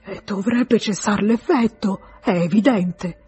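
A woman's voice: medium pitch, slow, dark tone, slightly rough, soft background music. A woman voicing a pompous pharmacist. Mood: self-assured. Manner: self-assured, lecturing. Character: pompous know-it-all male pharmacist.

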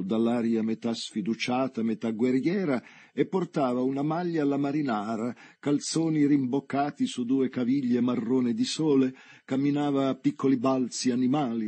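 Casting: male literary narrator, mellow and slightly husky, measured delivery. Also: medium pitch, no echo.

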